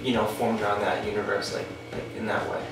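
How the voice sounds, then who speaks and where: A drummer from Long Island throws in quick, joking asides in a low-ish voice. He is recorded far off in a very echoey room, with music playing behind. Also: flat delivery, vocal fry, background noise. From Long Island, New York. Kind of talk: casual interview.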